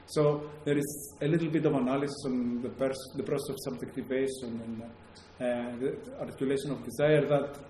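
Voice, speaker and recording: A Greek-accented man lectures to a live audience, hesitating often with fillers and restarts. His mid-range voice is dark and fairly even in intonation, moving at normal speed with hardly any pauses. The room is very echoey, with faint background noise.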